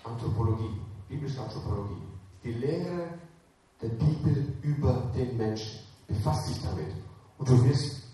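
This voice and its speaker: A man's voice: mid-range voice, measured pace, dark tone. A man preaching to young people, urging them directly with commands and questions. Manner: emphatic, addresses listeners directly with commands and questions. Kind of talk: sermon. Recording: echoey hall, voice from a distance.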